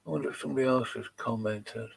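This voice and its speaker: A man's voice: mid-range voice, quick pace, gravelly, slightly rough. A man hosting his channel, mocking and dismissive as he comments on video clips he plays. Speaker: channel host reacting to videos. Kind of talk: live commentary on played clips.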